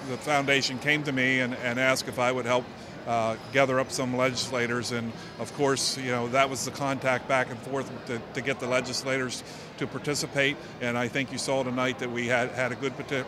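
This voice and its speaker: A middle-aged man speaking informally at an event interview, halting and repeating words as he goes. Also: mid-range voice. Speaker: state legislator and fundraiser organiser. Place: large indoor horse show arena. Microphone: handheld interview microphone. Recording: clear ambient noise of busy arena.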